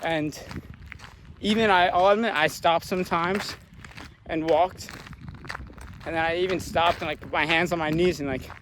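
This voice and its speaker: A young man, winded after a long run, talks to his phone camera in a loose, rambling way, stacking up little fillers as he goes. His voice sits a touch high, and faint outdoor sounds and passing cars drift behind him. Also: normal speed, long pauses, background noise. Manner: relaxed and rambling, many "like" fillers. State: out of breath. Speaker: vlogger. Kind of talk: casual vlog talk to camera. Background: passing cars and outdoor ambience.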